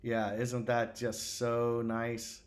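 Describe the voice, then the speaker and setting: A middle-aged man who works as a golf instructor, giving excited swing-analysis commentary over video, rambling with many fillers and restarts. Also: mid-range voice, very slow.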